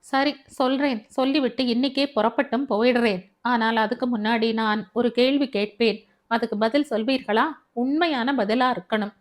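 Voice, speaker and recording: A calm, stubborn young man in a family audio story, asking pointed questions in a cool, dry way, as a woman reads him. The voice sits fairly high and even. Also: moderate pace, close to an everyday voice.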